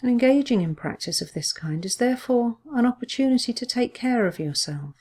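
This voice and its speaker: A woman with a high-leaning, animated, husky voice guides a body scan meditation as a mindfulness teacher. Even so, she speaks gently and in a measured, soothing way, leaving pauses.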